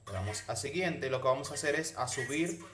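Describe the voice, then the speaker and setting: A man with a medium-pitched voice hosts a casual how-to tutorial. He speaks straight to the viewers and walks them through each step in an instructional way. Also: lively intonation, brisk, a bit bright. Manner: instructional, addresses viewers directly. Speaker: tutorial host.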